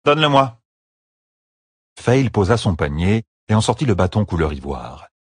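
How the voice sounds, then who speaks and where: A man reading an audiobook novel aloud as narrator, in an expressive storytelling manner. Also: low voice, normal speed, husky, dry recording, clean studio sound. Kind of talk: scripted narration.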